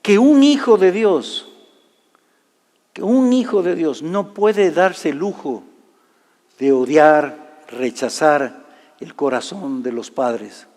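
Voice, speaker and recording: High-voiced preacher in an echoing hall. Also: male voice, takes it slowly, pauses often. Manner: storytelling, swings from loud to hushed. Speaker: pastor. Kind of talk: sermon testimony. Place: large church hall. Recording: live church hall reverb.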